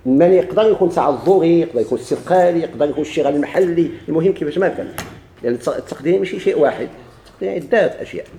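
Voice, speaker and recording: Fast-talking Moroccan grammar teacher, echoey room. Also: male voice, on the high side, dark tone, slight background noise. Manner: slows right down to recite quoted verses and examples; gives letters and words their own speaking lines. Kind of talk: explaining a grammar text.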